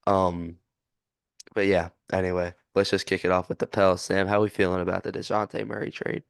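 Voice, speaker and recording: Brief: man, low flat voice, smooth and dry-sounding, dry wit, sports podcast co-host. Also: normal speed, no room sound. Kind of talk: casual sports chat.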